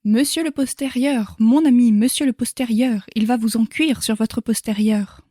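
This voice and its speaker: A woman's voice: a little high, moderate pace, dark tone, dry recording, clean studio sound, natural voice. A woman reading an audiobook voices a fierce warrior monk who mocks and threatens his enemy. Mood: mocking threat. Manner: sardonic, threatening. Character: fierce mocking warrior monk, adult man.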